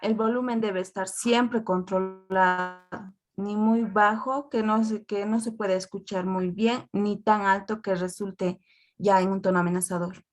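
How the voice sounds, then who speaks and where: A woman's voice: medium pitch, steady tone, a little slow, soft background music. A woman student answering the teacher in class, hesitantly reporting what she researched. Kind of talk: class participation.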